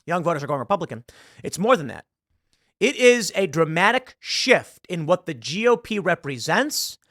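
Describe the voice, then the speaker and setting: A man, talking through political news in a solo commentary, animated and sarcastic. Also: on the high side, normal speed, no echo, studio quality. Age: 30s. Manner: animated, sarcastic, mocking quoted voices.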